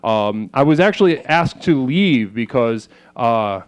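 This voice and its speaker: A man's voice: medium pitch, expressive, unhurried, clear, resonant tone. A man hosting a live stream as a self-styled spiritual leader, in a rambling comedic monologue that is mock-solemn, full of stammers and crude asides. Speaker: host of a mock spiritual livestream.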